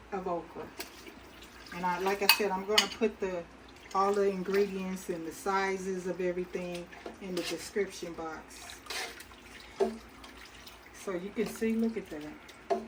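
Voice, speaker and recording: A woman's voice: mid-range voice, slow pace, pauses often, very noisy. A woman hosting a casual cooking demonstration, chatting to viewers in a homey way with lots of ums and restarts as she stirs a pot. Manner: talks to viewers while stirring and adding ingredients. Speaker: cooking channel host. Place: kitchen. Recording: kitchen clatter of pots and water.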